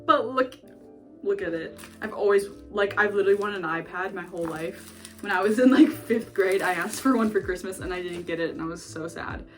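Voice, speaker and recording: A woman's voice: medium pitch, fairly quick, faint music behind. A young woman vlogging at home in her bedroom, chatting casually with lots of fillers. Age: young adult. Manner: bubbly, chatty, many "like" fillers. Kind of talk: casual vlog chat.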